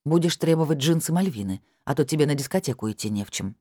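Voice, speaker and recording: A woman narrating a first-person audiobook in a calm, matter-of-fact way. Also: low-pitched, quick pace, no room sound, clean studio sound.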